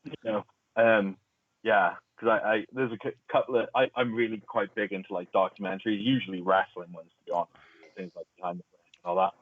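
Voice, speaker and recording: Give me a young man with a lower voice, heard over a thin, phone-like call with a bad connection, chatting and rambling casually. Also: fairly even intonation, fairly quick. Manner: rambling, laughs easily, restarts words. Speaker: podcast co-host. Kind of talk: casual chat among friends. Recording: tinny phone-like call audio, dry.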